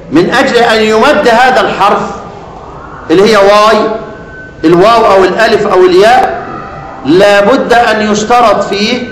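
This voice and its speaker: A man's voice: sits high, fairly bright tone, roomy sound, in a large hall, slight background noise, rough recording. A man with an Egyptian Arabic accent teaching a class on Quran recitation. He keeps asking his students leading questions and then answers them himself. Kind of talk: classroom lesson. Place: lecture hall.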